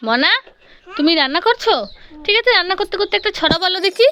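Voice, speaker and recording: A woman playing a mother in a family comedy sketch, scolding and coaxing and repeating words quickly. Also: very high-pitched, expressive, pushed and bright.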